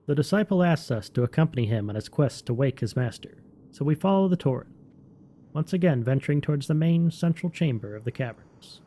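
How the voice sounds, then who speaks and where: A man's voice: on the high side, animated, a little fast, mellow. A man narrating scripted fantasy game lore as a storyteller.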